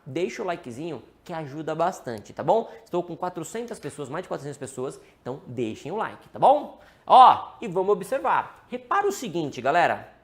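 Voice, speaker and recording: A man with a Brazilian Portuguese accent teaching day trading in a live-streamed lesson, asking and answering his own questions and calling out to his viewers. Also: a little high.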